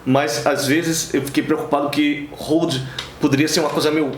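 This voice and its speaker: A man's voice: a little high, flat delivery, moderate pace, reverberant, a little hiss or hum. A man with a Bahian Portuguese accent, an interview guest, rambling through anecdotes with many fillers and restarts. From Brazil, Bahia. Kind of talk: casual interview chat.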